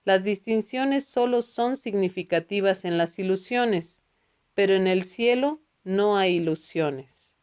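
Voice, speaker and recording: A woman voicing a calm, gentle male spiritual teacher who explains things patiently in a read-aloud book. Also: medium pitch, slow, clean tone, close to an everyday voice.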